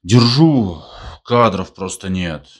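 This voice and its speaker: A gruff foreman snaps out short, scornful words in a deep, slow voice, as a man plays him. He sounds tired of his workers. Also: animated, heavily acted. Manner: gruff, curt. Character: gruff male village foreman, blunt.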